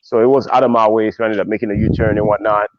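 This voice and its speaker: A man's voice: lowish voice, flat delivery, racing, no echo. A man from Haiti hosting a casual streamed chat, telling blunt, profane stories full of fillers. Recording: dull lo-fi stream audio.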